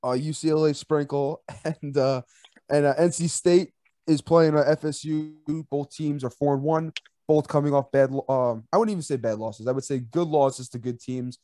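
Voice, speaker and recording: A man's voice: on the high side, fairly even intonation, normal speed, warm tone, dry recording, studio quality. A man co-hosting a casual college football betting podcast, rowdy and laughing a lot as he makes picks. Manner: rowdy, laughing, chanting fight songs. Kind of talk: casual sports betting chat.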